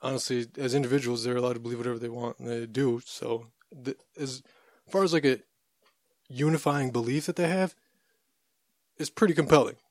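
A man in casual podcast conversation, easygoing and thoughtful, often pausing on fillers as he explains. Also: mid-range voice, steady tone, darkish tone, no echo, studio quality. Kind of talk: casual chat.

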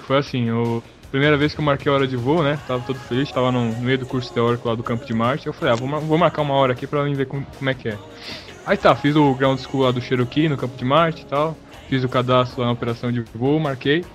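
Fast, lively São guy. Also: mid-range voice, faint music behind. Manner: lively, slangy, laughs through his stories. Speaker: podcast guest, student pilot. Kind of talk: casual chat, storytelling.

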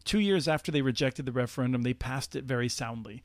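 A man with an average pitch talks policy with eager energy, often restarting his sentences. His voice sounds dry and close, with no room around it. The tone is casual podcast conversation. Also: fast, dry recording. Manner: enthusiastic, many restarts and laughs. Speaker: policy researcher guest.

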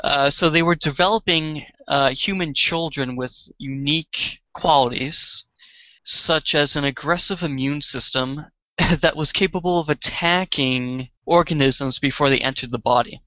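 Man, Boston accent, podcast co-host, slow halting delivery, smooth clear voice, slightly dull dry sound. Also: on the high side, sharp tone, dry recording. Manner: slow, halting explanations with fillers. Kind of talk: casual chat.

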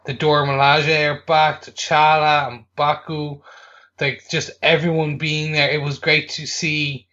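Male podcast co-host, fairly high bright voice, halting delivery, muffled lo-fi recording. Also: level tone. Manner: hesitant, lots of ums and restarts. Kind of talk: casual film review chat.

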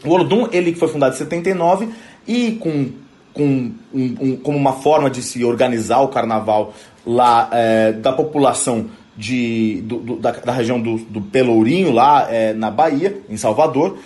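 A man hosts a music program in easygoing commentary. His voice sits in a plain middle pitch. His talk is halting, full of restarts and repeated words as he searches for what to say. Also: a little mellow. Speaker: music show host. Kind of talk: casual radio music commentary.

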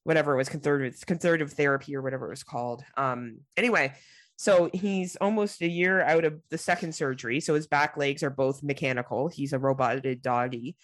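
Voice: medium pitch, a little fast, a bit bright, dry recording. A podcast co-host chatting casually and jokingly, with a nasal voice stuffed up by a cold. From Canada. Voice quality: nasal, congested voice. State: has a cold.

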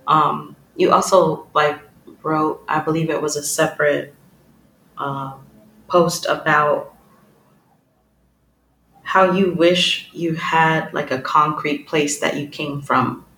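A man's voice: fairly high pitch, fairly even intonation, slow, long pauses, pushed and bright. A man interviewing a guest in a loose, conversational way, searching for his words and saying "like" often. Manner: loose, searching, heavy use of "like". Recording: roomy echo with faint background noise.

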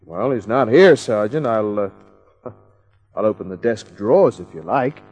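An actor playing a hard-boiled private eye, who narrates and trades dry cracks in a vintage radio drama. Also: male voice, fairly low pitch, expressive, moderate pace, a little mellow, soft background music. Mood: wry. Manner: dry, wisecracking. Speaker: narrator and lead. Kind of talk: 1940s radio acting.

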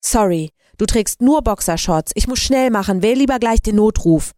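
Woman reader as an urgent young woman, higher and pressed, dry booth. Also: animated, dark tone, no echo, close to an everyday voice. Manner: urgent, hurried.

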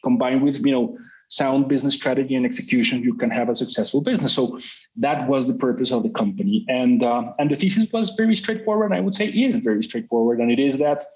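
A man's voice: mid-range voice, fast talker, a little mellow. A middle-aged man from Colombia, a company CEO telling his story in an interview, talkative and full of "you know" fillers and restarts. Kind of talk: business interview. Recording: slightly muffled sound.

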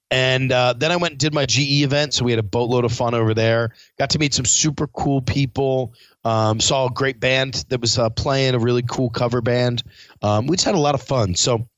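Muffled but echo-free, the recording captures a medium-pitched, fairly bright male voice: a chef and podcast host with a slight cold. He recaps casually and rambles, often using fillers and restarting.

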